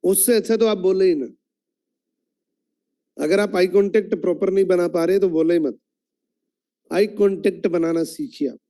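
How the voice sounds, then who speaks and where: A man's voice: high-pitched, normal speed, pauses often, dark tone. A man running an online training meeting, explaining his point in an instructive way and asking the audience questions.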